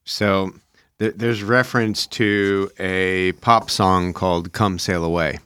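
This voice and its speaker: A man's voice: low voice, fairly even intonation, slow pace, fairly bright tone, smooth. Playful middle-aged man co-hosting a podcast. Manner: playful, laughs at himself. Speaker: podcast co-host. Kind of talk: casual faith podcast discussion.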